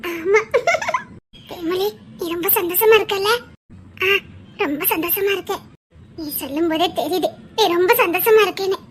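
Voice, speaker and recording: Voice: very high-pitched, normal speed, long pauses, slight background noise. A performer playing an emotional young woman with a Tirunelveli Tamil accent, who pleads with her friend and teases her.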